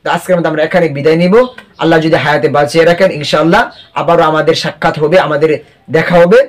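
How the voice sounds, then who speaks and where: A man's voice: a little high, fairly even intonation, rapid-fire. A man teaching Quran recitation in an online class, spelling out letters and asking questions that he then answers himself. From Bangladesh.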